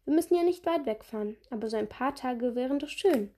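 A woman's voice: high-pitched, animated, fairly quick, warm tone. A woman voicing a mother who coaxes her kids in an upbeat way, read from a storybook. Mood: persuasive. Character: cheerful mother back from a trip.

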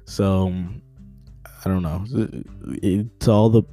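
This young man hosts his own podcast and gives an unscripted, casual update, joking, rambling and tripping over his words. His voice is deep and warm, and he speaks slowly, with faint music in the background.

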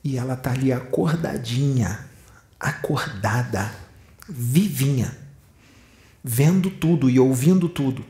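A man's voice: mid-range voice, animated, measured pace, dark tone. A man with a Brazilian Portuguese accent giving a spiritual teaching talk, telling vivid stories and speaking straight to his listeners. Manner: dramatic storytelling, addressing listeners directly. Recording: roomy echo.

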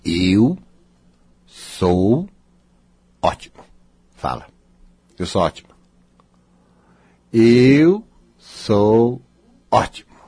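Very husky, dramatic man. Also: big pitch swings, very slow, long pauses, mellow, no room sound. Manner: dramatic, acts out inner voices, swings high and low. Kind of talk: guided self-help talk.

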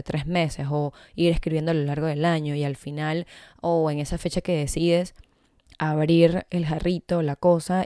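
A woman's voice: fairly low pitch, dark tone, no echo, clean studio sound. A young woman hosting a podcast, talking casually to her listeners with lots of fillers and self-corrections. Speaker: podcast host. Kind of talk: casual solo talk to listeners.

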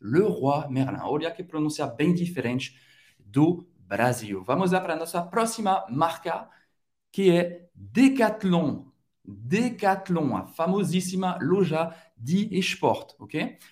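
A French man, a native French speaker with a French accent, hosting a podcast and teaching pronunciation, drawing out each model word slowly between quick explanations. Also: on the high side, very animated, darkish tone. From France. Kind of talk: pronunciation lesson.

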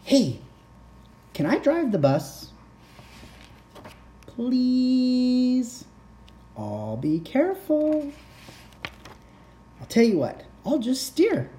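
Lady doing a whiny pushy storybook pigeon, way high, swooping all over the place. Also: huge pitch swings, drawn-out words, long pauses, warm tone, reverberant, slight background noise, heavily acted. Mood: wheedling. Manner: wheedling, whiny, exaggerated. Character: pleading, pushy, childish cartoon pigeon. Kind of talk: picture-book character read aloud.

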